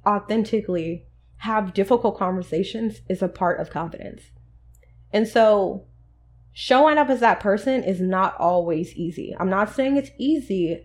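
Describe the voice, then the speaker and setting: A young adult woman hosting a podcast, telling workplace stories in a casual, conversational way and acting out the quoted lines. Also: a little high. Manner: conversational, animated, acts out quoted dialogue. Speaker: podcast host. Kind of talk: casual storytelling monologue.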